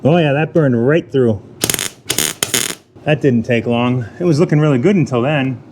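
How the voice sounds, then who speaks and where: A man's voice: medium pitch, moderate pace, noisy background. A man hosting his own garage vlog, talking casually to himself and the viewers while he works, with self-deprecating jokes and muttered asides. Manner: muttering asides, sometimes whispering. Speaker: garage channel host.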